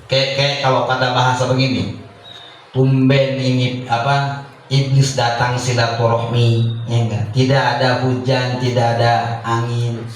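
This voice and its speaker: A male preacher with giving a humorous sermon, chuckling as he tells a story and chanting Arabic phrases slowly, recorded in a large, echoey hall from far off. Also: medium pitch, little pitch movement, slight background noise.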